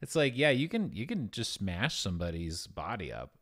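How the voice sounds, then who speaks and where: Dry-witted man, lower voice. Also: very animated, moderate pace, fairly bright tone. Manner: dry, wry quips. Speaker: podcast co-host. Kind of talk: casual chat.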